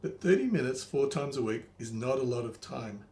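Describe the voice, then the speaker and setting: Older male, wise elder mentor type for motivational instruction. Didactic, plain-spoken, mid-range pitch, recorded in an echoey room. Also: lively intonation, normal speed, a little mellow. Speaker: money coach, presenter. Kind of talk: motivational instructional monologue to the viewer. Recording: echoey room, faint background noise.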